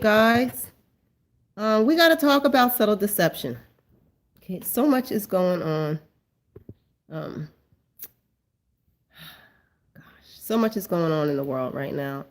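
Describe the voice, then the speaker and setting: This host, a woman in her thirties, has a low-leaning voice that stays animated while she takes her time and pauses often. She's clearly got a cold, sounding congested and sniffly, and she chats casually with lots of "um" and "like," addressing her viewers as family.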